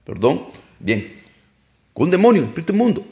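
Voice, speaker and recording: A man's voice: on the high side, sing-song, moderate pace, a little mellow. A man preaching a sermon, emphatic, often repeating and correcting his phrases as he goes.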